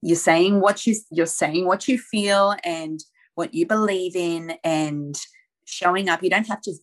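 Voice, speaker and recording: A woman with a slightly low voice talks through brand strategy as a podcast guest. She speaks earnestly, peppering her explanations with rhetorical questions and casual fillers. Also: a little slow. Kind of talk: conversational explaining.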